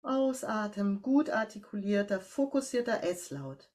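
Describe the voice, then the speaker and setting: Speaking at a medium pitch, this voice coach has a German accent. She leads a breathing and posture exercise, guiding listeners step by step in a slow, calm way.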